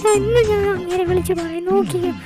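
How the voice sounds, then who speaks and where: A woman voicing a dramatic mother scolding her grown son, loud and melodramatic, in an amateur fan audio drama. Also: extremely high pitch, steady tone, fast. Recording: background music under voice. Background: music.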